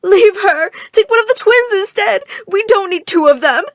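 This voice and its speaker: A woman doing a shrill, screeching overbearing mother. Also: expressive, a little fast, no echo, clean studio sound. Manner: screeching, bossy, melodramatic. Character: shrill doting overbearing mother, middle-aged.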